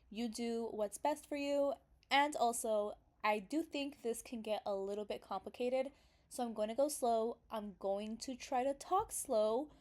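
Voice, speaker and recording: A woman's voice: on the high side, a little mellow. A young woman getting over a cold, sniffly as she talks through a casual screen tutorial in a chatty, hesitant way full of fillers. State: recovering from illness, sniffly. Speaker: vlogger explaining law school admissions.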